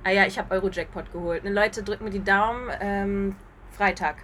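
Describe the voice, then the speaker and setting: A young woman hosting a casual podcast chat at home, joking and animated. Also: mid-range voice, moderate pace, slight background noise. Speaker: podcast host. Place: flat.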